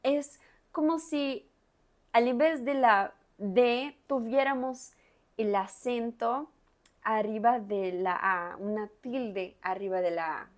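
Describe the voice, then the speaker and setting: Slow, deliberate woman Spanish teacher. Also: fairly high pitch. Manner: repeats words slowly and stresses sounds hard. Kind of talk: guided reading lesson with pronunciation drills.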